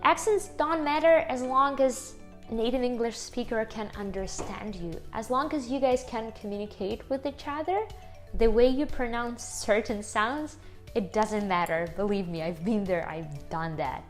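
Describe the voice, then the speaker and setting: A YouTuber with a strong Ukrainian accent chats casually to the camera from her home kitchen, upbeat and laughing often as she talks to her viewers. Her voice is fairly high and a little slow, with soft music playing in the background.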